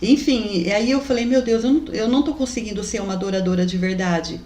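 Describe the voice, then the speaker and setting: Quick-paced and darkish in tone, a woman's mid-range voice delivers a heartfelt testimony of faith from a mother's perspective. She passionately calls her audience brothers, and the recording echoes around the room.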